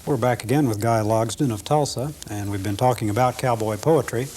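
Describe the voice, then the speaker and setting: A man's voice: medium pitch, brisk, low-quality recording. A man hosting an informal interview show, introducing segments and putting questions to a guest.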